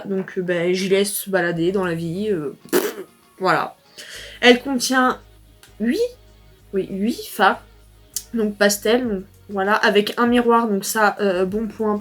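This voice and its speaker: A teenage girl from France chatting casually through a makeup palette review, rambling with fillers and self-corrections. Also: medium pitch. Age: teens. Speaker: beauty vlogger.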